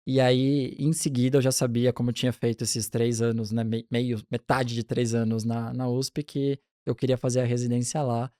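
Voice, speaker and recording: A man in his forties, a pediatric neonatologist, telling his career story in a relaxed, chatty interview with frequent restarts. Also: medium pitch, normal speed, hardly any pauses, no echo, studio quality.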